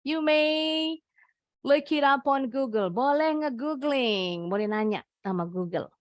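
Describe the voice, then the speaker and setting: A woman's voice: sits high, expressive, slow, no echo, clean studio sound. A young woman teaching English online with an Indonesian accent, explaining patiently in a mix of Indonesian and English over a video call. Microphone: computer mic on a video call.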